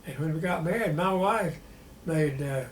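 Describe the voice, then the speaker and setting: An old war veteran in his nineties with a Southern US accent remembers his life in a plainspoken, halting way during an interview. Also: on the high side. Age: 90s. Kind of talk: personal reminiscence in an interview. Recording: roomy echo with faint background noise.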